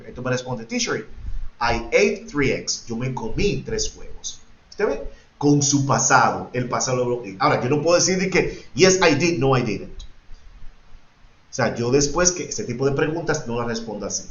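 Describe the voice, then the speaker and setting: A male English teacher explaining grammar to his students, switching between Spanish explanations and English examples and repeating points for emphasis. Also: mid-range voice. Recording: echoey, dull lo-fi room recording.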